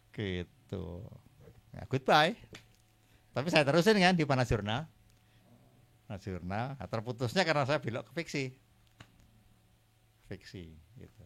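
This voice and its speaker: An older man, an author guest at a book talk, chatting in a relaxed way, laughing often and trailing off his sentences. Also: mid-range voice, moderate pace, pauses often.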